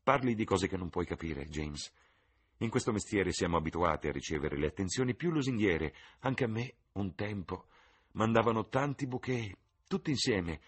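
A man voicing a vain, theatrical middle-aged mother in an audiobook, husky and fussy. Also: on the low side, lively intonation, normal speed, voice pushed up. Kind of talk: audiobook reading.

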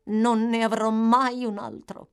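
A woman's voice: high-pitched, lively intonation, slow pace, voice pushed up. A woman doing a prim, fussy workhouse matron. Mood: peevish. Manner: fussy, exclamatory, sugary toward guests. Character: prim, self-pitying widowed workhouse matron. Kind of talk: audiobook reading.

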